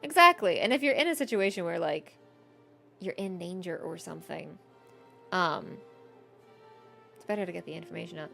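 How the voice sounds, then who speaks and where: A woman's voice: on the low side, lively intonation, normal speed, vocal fry, long pauses, fairly bright tone, soft background music. A woman streaming a game live, chatting casually, reading chat aloud and laughing often.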